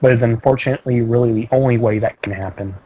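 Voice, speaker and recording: A man in relaxed podcast banter, teasing and opinionated. His voice has a middle pitch, with light background hiss behind it. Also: fast, lo-fi sound. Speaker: podcast co-host. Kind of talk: casual chat.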